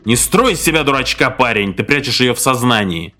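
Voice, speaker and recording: A gruff, bullying police sergeant barks threats at a suspect, as a male narrator puts him on. Faint music hums behind his voice. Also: medium pitch, lively intonation, brisk, pushed and bright. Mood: threatening.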